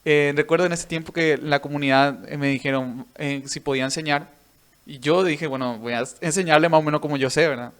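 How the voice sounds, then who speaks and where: A man's voice: on the high side, steady tone, a little fast, a bit bright, clear, resonant tone. A man, a missionary preacher and musician, telling his faith testimony in an earnest storytelling way. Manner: earnest storytelling, tags sentences with a questioning "right?". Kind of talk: personal faith testimony in an interview.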